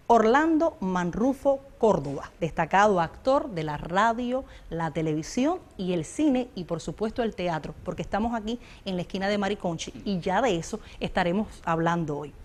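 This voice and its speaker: A woman with a Cuban accent hosting a television interview show, speaking in a measured, formal way. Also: mid-range voice. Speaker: host. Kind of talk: presenting and interviewing.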